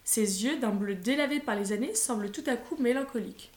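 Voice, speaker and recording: A woman reading a children's story aloud in a lively, expressive way. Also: a little high, a little fast. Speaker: audiobook reader. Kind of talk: scripted storybook narration. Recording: roomy echo.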